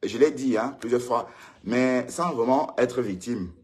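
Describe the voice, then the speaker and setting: A man's voice: measured pace, darkish tone. Ranting man on a solo live stream. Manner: heated, repetitive, addresses rivals directly; pitch jumps up when he gets worked up. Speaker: online show host. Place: alone at home with a ring light.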